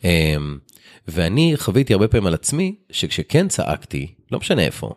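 A man in his forties hosts a podcast, chatting casually and sharing personal stories in colloquial speech. His voice is low, with huge swings in pitch.

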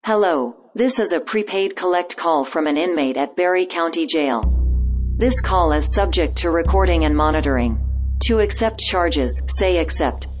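This is an automated jail collect-call message, voiced by a woman, coming through a thin, tinny prison phone line. The voice sits low and reads its formal announcement flatly and impersonally. A trace of music hums faintly behind it. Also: normal speed. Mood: announcing.

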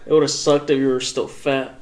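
A man's voice: mid-range voice, level tone, normal speed, a little mellow. A man co-hosting a podcast in casual chat, mostly reacting with short teasing remarks and questions. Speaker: podcast co-host. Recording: echoey room with faint background noise.

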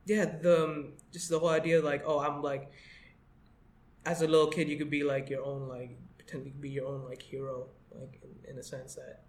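A young man in casual chat with friends, halting and repeating words with lots of "like". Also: a little high, level tone, a little mellow. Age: young adult. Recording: echoey room, faint background noise.

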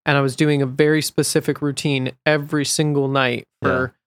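A man's voice: medium pitch, flat delivery, moderate pace, clean tone, no echo. A man hosting a podcast, talking in a reflective, encouraging casual chat. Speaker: podcast host.

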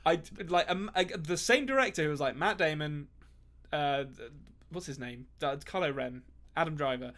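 A man co-hosting a casual movie podcast, his voice sitting a little high. He rambles through his points with plenty of ums and restarts, dropping dry asides along the way. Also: moderate pace, fairly bright tone. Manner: rambling, filler-heavy, dry jokes. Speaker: podcast co-host.

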